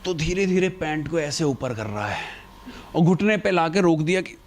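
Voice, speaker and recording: High-voiced man doing animated stand-up. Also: normal speed. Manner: animated, acts out quoted characters. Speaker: stand-up comedian. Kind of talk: stand-up comedy storytelling. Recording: noisy live stage recording.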